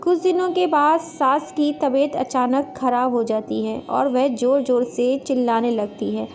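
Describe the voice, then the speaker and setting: A woman's voice: high voice, a little slow, darkish tone. A woman narrating a family storybook tale in a plain storytelling manner.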